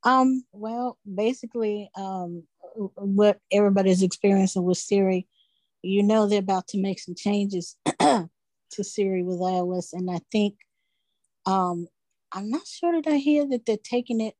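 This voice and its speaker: A woman speaks in a casual group discussion, hesitant and halting as she explains her view. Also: mid-range voice, a little mellow, no room sound. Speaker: participant.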